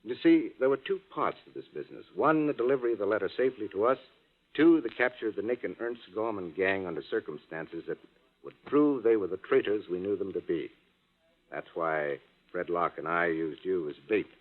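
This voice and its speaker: Deep-voiced, laconic radio detective. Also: male voice, lively intonation. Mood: grave, kindly. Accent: American. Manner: laconic, wry, deliberate. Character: dry, unflappable male detective, laconic and wry. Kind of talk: 1940s radio drama acting. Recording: narrow-band old radio broadcast.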